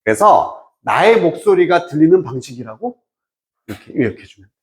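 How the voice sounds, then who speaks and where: A male English teacher with a fairly high, very animated voice that swoops up and down. He lectures in a casual tone, drops English phrases into his explanation, and keeps firing quick check-in questions at his students. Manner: checks understanding with frequent quiz-like questions. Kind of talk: lecture explaining an exam passage.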